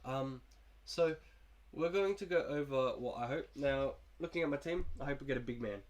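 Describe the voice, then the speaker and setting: This gaming YouTuber, a young man with a cold, coughs as he discusses his video game team. His mid-range voice keeps a moderate pace, relaxed and rambling, in casual gameplay commentary.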